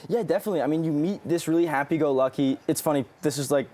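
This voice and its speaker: A man's voice: a little high, racing, mellow. A young man from Canada, an actor guest on a TV interview, talking in an easygoing, rambling, self-deprecating way.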